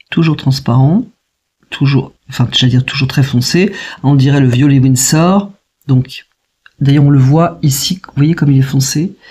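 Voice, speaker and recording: A woman's voice: deep voice, warm tone, slightly rough. A woman talking through a watercolour palette test in a chatty, hesitant way, thinking aloud with frequent fillers. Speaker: watercolour painter testing a palette. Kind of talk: casual tutorial narration.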